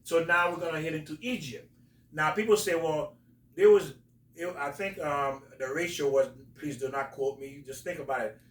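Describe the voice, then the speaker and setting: A man hosting a talk, explaining religious stories in a halting, emphatic storytelling way. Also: a little high, a bit bright. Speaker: host, religious teacher. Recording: roomy echo, distant from mic.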